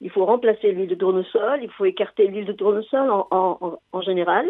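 A woman's voice: mid-range voice, fast talker, no echo. An older woman calling in to a radio show over the phone, hesitant and often restarting as she gives cooking advice. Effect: phone line. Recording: tinny phone line.

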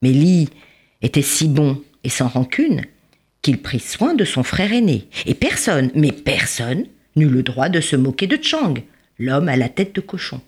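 Expressive, husky-voiced woman storyteller. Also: deep voice, moderate pace. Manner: expressive, sing-song telling. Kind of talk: storybook narration for children.

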